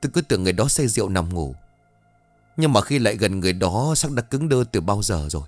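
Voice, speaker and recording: A man's voice: fairly low pitch, expressive, fast, no room sound, soft background music, lightly acted. A man playing a frightened young male villager who is out of breath and stammers as he reports news. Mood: panicked, breathless.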